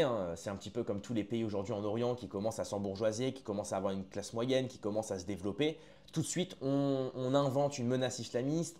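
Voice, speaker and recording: A man's voice: lowish voice, a little mellow. A man giving casual reaction commentary to his online viewers, chatty and often restarting his sentences, calling the audience his friends.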